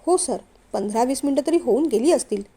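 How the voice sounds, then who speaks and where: A woman's voice: high voice, expressive, fairly quick, warm tone, husky. A woman voicing a dutiful older male office clerk in a storybook reading.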